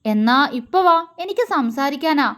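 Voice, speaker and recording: A young male lover in an audio romance story, grave and measured in how he questions her, though soft underneath. A woman narrator puts him on, and her voice stays high even in this role. The reading is slow and unhurried. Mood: stern. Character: young man, stern but tender lover.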